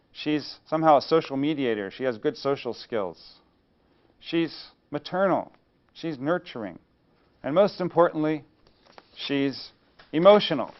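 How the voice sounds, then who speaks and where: Male lecturer, mid-pitched voice, rhetorical question-and-answer lecture style, slightly muffled recording. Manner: rhetorical, poses questions then answers them. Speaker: engineering studies lecturer. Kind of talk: university lecture.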